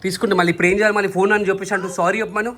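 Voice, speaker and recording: A man's voice: sits high, level tone, very fast, a crowd in the background. A man, chatting casually with his family and scolding and coaxing a crying child. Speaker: vlogger, father.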